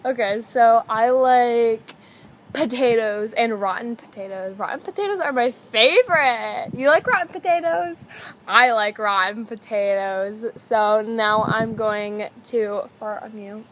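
A woman's voice: fairly high pitch, measured pace, a bit bright. A teenage young woman chatting casually as host of a challenge vlog outdoors, with stifled giggles breaking into her talk. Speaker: video host. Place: outdoors on a house patio. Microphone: camera mic at table distance. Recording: noisy outdoor camera recording.

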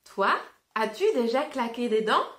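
A woman's voice: on the high side, lively intonation, unhurried, fairly bright tone, roomy sound. A woman reading a picture book aloud to a child, patiently stopping to ask questions and play word games. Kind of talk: interactive read-aloud.

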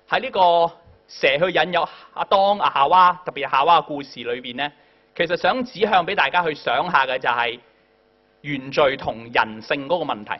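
Male tutor, Hong Kong Cantonese accent, fairly high voice, prompts the class as he lectures, dull lo-fi recording. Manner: addresses the class directly with frequent "嗱" and "嚇" prompts. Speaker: workshop tutor.

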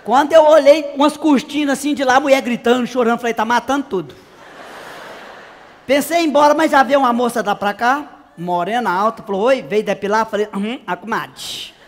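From a large hall comes a man's very high, fairly quick voice as a comedian plays a brash, naive country woman from the interior. He tells a gossipy comic story in character, chatty and exaggerated and punctuated by squealing cries.

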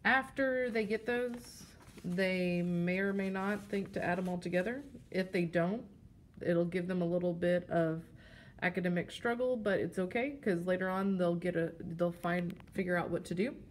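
A woman teacher plainly explains a classroom game step by step, showing the props as she goes. Her voice is on the low side at a moderate pace, with a little hiss or hum.

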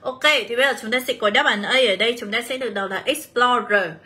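A woman's voice: a little high, fast talker, bright, forceful tone. A young woman teaching English on a livestream, chatty, greeting viewers and reading out their answers. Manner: chatty, reads out student comments, calls class "mọi người". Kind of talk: livestream exam review lesson.

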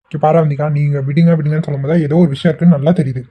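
A man's voice: on the high side, little pitch movement, very fast, husky. A man voicing an affectionate young husband in a cartoon, pressing his wife with questions. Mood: coaxing. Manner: teasing, insistent questioning. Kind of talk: cartoon voice acting. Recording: tinny phone-like audio.

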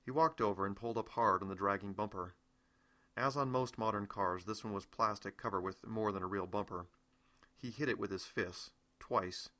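In this scripted audiobook, the middle-aged American author narrates his own first-person novel at a moderate pace. He has a fairly low pitch but a bright, forward sound.

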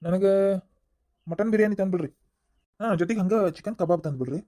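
A man's voice: high-pitched, a little fast, mellow, lightly acted. A man voicing a bossy police inspector in a cartoon, scolding and giving orders. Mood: casual. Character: gruff hungry male police inspector. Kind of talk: cartoon voice acting.

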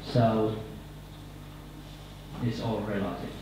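A man in his thirties with a Finnish accent giving a conference presentation at a podium microphone, halting and repeating words, his phrases trailing off. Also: lowish voice, steady tone, noisy background. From Finland. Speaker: conference speaker. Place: conference hall, indoors. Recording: echoey hall, picked up from far off.

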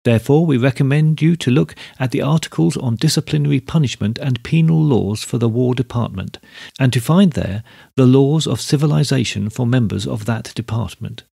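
An arrogant, vulgar tavern scribe from a storybook reading, as a male narrator puts him on. He rolls out grand, pompous phrases in a gravelly, husky voice. The sound is close and dry. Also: medium pitch, normal speed, dark tone, dry recording. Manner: pompous, bombastic. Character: coarse, arrogant fat innkeeper's scribe.

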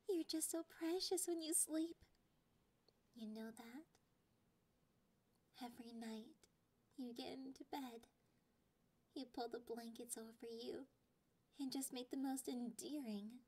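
In an intimate ASMR roleplay, a woman plays a clingy, possessive young catgirl girlfriend, her voice sitting high with a dark tone and an exaggerated delivery. She taunts in drawn-out phrases that slide into breathy whispers, sounding sly and doting.

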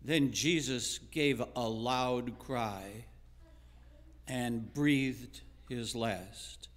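A man reading scripture aloud during a church worship service, slow and measured, pausing between phrases. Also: medium pitch. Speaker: scripture reader. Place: church sanctuary.

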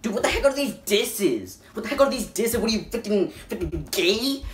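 A man hosting a reaction video, excitable and swearing constantly, breaking into loud yelps of disbelief. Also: sits high, normal speed, noisy background. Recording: echoey room.

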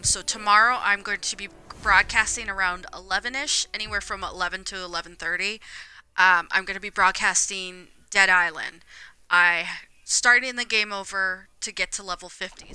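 Laid back young woman streaming games, rambles with lots of ums, super bright voice. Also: medium pitch, low-quality recording. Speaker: gaming streamer. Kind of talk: casual live-stream chat.

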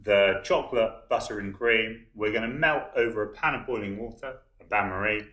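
Chef explaining a recipe in an echoey hall. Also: male voice, on the low side, fairly quick. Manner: relaxed, explanatory, many ums. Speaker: head chef. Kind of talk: cooking demonstration. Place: large wood-panelled college hall, indoors.

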